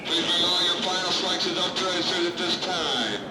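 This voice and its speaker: A man making a slow, drawn-out closing-time announcement over a large store's loudspeaker. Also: high voice, heavy background noise. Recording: echoey store PA heard from far off with loud music.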